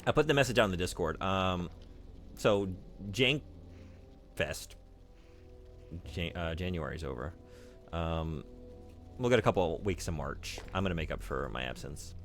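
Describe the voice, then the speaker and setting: Deep-voiced, joking game streamer. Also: male voice, lively intonation, a little slow, pauses often, a bit bright, soft background music. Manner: joking, chatty, riffs with chat. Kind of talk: casual chat while playing.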